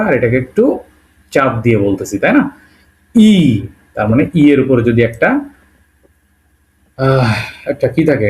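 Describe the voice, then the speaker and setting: A man's voice: fairly high pitch, a little mellow. A man teaching an alphabet lesson to beginners. He repeats each sound several times and keeps checking that his students follow. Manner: repeats sounds slowly and checks understanding with "okay?"; mixes English words into his explanations. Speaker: language teacher. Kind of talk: Bengali-language alphabet lesson.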